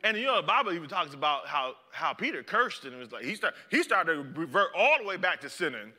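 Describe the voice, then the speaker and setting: A man's voice: on the high side, sing-song, quick pace, sharp tone, long reverb tail. A male preacher giving a dramatic, impassioned sermon and acting out the story.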